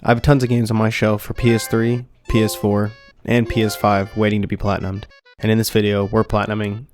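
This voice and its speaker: Young man, low voice, scripted game narration, steady and dry, music underneath. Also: fairly quick. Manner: steady, dry, with light jokes. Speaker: gaming YouTuber. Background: soft background music.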